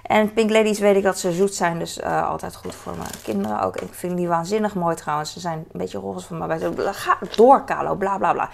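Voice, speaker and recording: A woman's voice: fairly low pitch, animated, brisk, creaky, hardly any pauses. Chatty woman rambling through groceries. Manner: chatty, rambling, many hesitations. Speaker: vlogger. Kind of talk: casual grocery haul chat.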